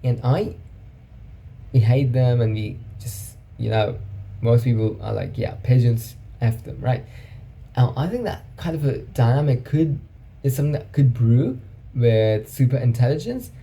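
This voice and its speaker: A man with a very dark, mellow voice that has a gravelly edge muses aloud in a loose solo monologue. He thinks as he talks, keeps checking in with the listener, and a faint hiss sits behind him. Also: medium pitch, animated, a little slow. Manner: musing, thinking aloud, often asks "right?". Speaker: vlogger. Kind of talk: casual reflective monologue.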